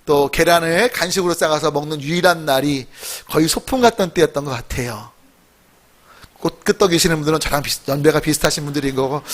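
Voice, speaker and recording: Man, pastor, sermon, storytelling, questions to the congregation, high voice. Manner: rises to emphatic exclamations.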